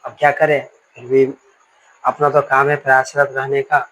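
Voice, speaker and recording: A man's voice: mid-range voice, level tone, a bit bright, rough recording. A male teacher giving a live online grammar class, explaining patiently and dictating definitions word by word. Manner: explains slowly, repeats and dictates words one by one.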